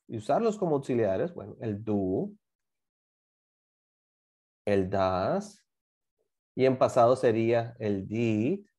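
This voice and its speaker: An English teacher with a warm, medium-pitched voice patiently explains grammar to his class. He repeats examples and asks the students to join in.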